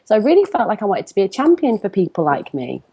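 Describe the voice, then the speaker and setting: Her pitch sits in the middle but swings hugely, and she talks quickly with a mellow, breathy edge. She's a comparison coach in her thirties from the North of England, animatedly telling personal stories as a guest in a conversational interview.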